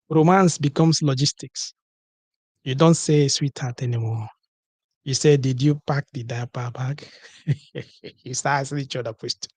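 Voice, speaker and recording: A man giving an animated comedic monologue on a livestream, acting out little exchanges between couples and often checking in with "you understand?". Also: fairly high pitch, no echo. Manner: animated, acts out couples' dialogue, keeps asking "you understand?". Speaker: comedic commentator.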